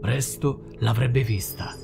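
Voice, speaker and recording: A man reading a dark novel as an audiobook, slow and dramatic. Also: medium pitch, gravelly. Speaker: audiobook narrator. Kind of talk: scripted narration. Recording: faint background music.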